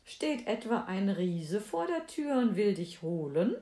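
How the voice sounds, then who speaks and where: Woman reading a gentle old storybook king, fatherly, questioning, slow, roomy echo. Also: mid-range voice, very animated. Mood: concerned. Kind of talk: fairy tale reading.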